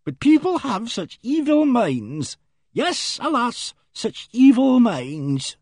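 A prim, simpering middle-aged lady clerk, put on by a male reader in a storybook reading. The voice sits far above his own, slow and drawn-out, breathy and sibilant as she lingers over scandal. The sound is dry and close. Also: very high voice, sing-song, a little mellow, no echo, pitched above the performer's own voice, full character voice. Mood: prim, relishing.

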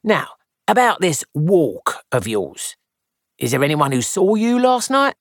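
A reader voicing a methodical police inspector, asking formal, measured questions. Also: mid-range voice, very animated, no room sound, clean studio sound, pitched above the performer's own voice. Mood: pressing.

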